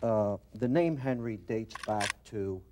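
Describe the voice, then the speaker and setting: A middle-aged company owner from Brooklyn, New York, with an accent to match, chats conversationally in an interview on an indoor TV studio set. His voice is fairly low and he speaks slowly, picked up by a lapel mic over a noisy background.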